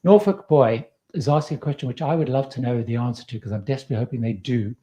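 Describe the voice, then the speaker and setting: Mellow man with a slight Zimbabwean accent. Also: medium pitch, fast. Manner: chatty, advice-giving, loose and rambling. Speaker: host. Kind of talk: live-stream Q&A chat.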